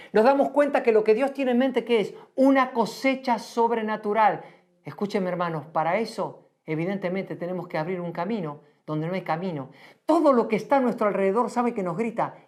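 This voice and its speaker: Woman, preacher, earnest sermon, emphatic repetition, hushed slow key lines. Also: medium pitch. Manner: earnest, emphatic, repeats phrases for stress.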